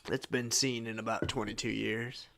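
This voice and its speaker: A man narrating as game master of a tabletop game, halting and full of fillers. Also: medium pitch, flat delivery, gravelly, a bit bright, slight background noise. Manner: halting, many fillers and restarts.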